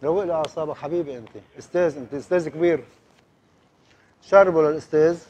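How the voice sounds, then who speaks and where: Man, coaxing ad director, high voice, rapid talk. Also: a little mellow. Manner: teasing, coaxing, cries cut. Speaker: ad director in a hidden-camera prank. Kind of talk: hidden-camera prank banter.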